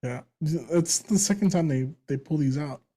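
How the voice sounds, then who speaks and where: A young man co-hosting a podcast, telling stories in a casual, animated way and laughing often. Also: a little high, moderate pace, rough recording. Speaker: podcast co-host. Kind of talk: casual podcast chat and storytelling.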